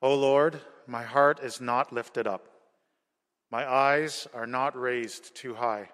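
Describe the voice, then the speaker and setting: A man reading scripture aloud in a church service, with slow, measured delivery and a cathedral echo. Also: mid-range voice, fairly even intonation, a bit bright. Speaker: scripture reader. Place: large church.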